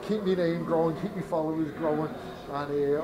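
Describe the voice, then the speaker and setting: This post-bout press interview features a UK fighter in his twenties speaking candidly from the venue's media area, rambling and restarting with many fillers. He sounds a little high and steady, talks briskly, and the audio is dull, with crowd noise in the background.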